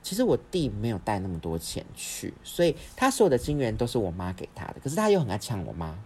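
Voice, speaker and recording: A young man, hosting a podcast and telling a story in a rapid, rambling way with frequent restarts. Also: on the low side, wildly swooping pitch, dark tone, husky. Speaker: podcast host. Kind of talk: casual storytelling.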